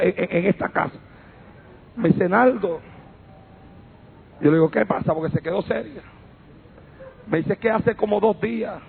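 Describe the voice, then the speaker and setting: A man preaching a fervent sermon, telling a testimony and shouting praise, recorded on an old tape. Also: high-pitched, creaky, husky, narrow, tinny audio. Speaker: pastor.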